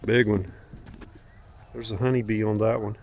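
A homestead vlogger with a fairly low voice shows viewers around his garden outdoors, speaking at a moderate pace in a level tone. The tour is casual and unscripted, delivered in a folksy, plainspoken way over faint ambient noise.

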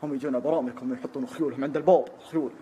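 A man telling a comic history story, animated and acting out every character. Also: mid-range voice, rapid-fire, a little hiss or hum.

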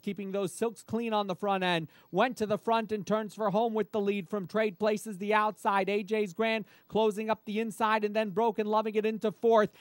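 A man's voice: sits high, no room sound. A man calling a horse race live as race caller, in an urgent, running flow of commentary.

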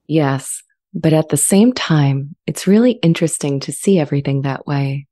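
A large condenser mic sits close as a woman gives a serene, thoughtful reading in the role of a sentient artificial intelligence within a dramatized dialogue. Low and mellow with soft edges, her voice unfolds in gentle, measured phrases with a calm, reflective delivery.

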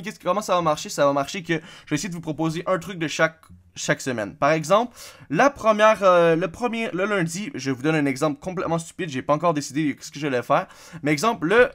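A man's voice: on the high side, fairly bright tone. A man with a Québécois accent giving a casual, rambling channel update to his viewers, with lots of fillers and restarts. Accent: Québécois French. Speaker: gaming YouTuber.

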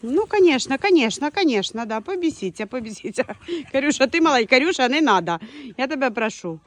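A woman from Ukraine, a dog breeder, chatting casually outdoors in a village yard and shouting her dogs' names between laughs. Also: high-pitched, sing-song, brisk. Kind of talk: casual vlog commentary.

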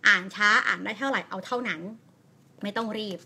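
A woman English teacher with a Thai accent, giving a chatty, encouraging live lesson and reading aloud slowly with pauses at punctuation. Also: medium pitch, gravelly, bright, forceful tone, breathy edge. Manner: encouraging, chatty, answers viewer comments. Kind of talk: live-streamed language lesson.

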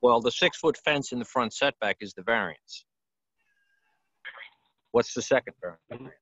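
A man serving as a town official, explaining and correcting a point in a measured way over a call. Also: mid-range voice, sharp tone, no room sound, lo-fi sound. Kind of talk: video call meeting.

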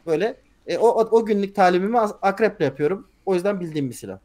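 A man playing in a tabletop role-playing game, eagerly pitching ideas and telling a story. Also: expressive, a little mellow. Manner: eager, talks fast, tells stories with acted voices. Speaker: player. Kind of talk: casual tabletop role-play chat.

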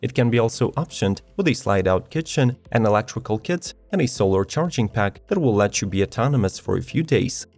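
A man narrating a scripted product video in an even, measured read of specifications. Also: fairly low pitch. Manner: even, measured reading of specs. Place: studio voice-over. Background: faint background music.

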